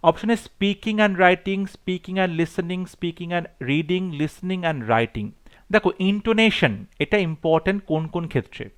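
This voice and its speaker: A man teaching an exam-prep lesson. He reads each multiple-choice question slowly and then explains the answer quickly. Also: sits high, clear, resonant tone.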